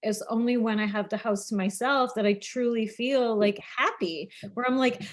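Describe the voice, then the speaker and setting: A woman co-hosting a casual podcast chat, animated and laughing, with many filler words. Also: on the high side, moderate pace. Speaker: podcast co-host.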